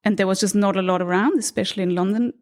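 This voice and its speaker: Here a reflective Austrian woman in her thirties is interviewed as a podcast guest, chatting casually inside an apartment with the occasional soft laugh. She races along in a mid-range, darkish voice whose intonation stays fairly even.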